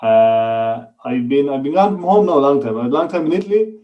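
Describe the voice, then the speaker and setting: A man's voice: mid-range voice, animated, a little fast, dull audio. A man with an Irish accent chatting casually as a guest, colloquial and sweary. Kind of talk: casual chat.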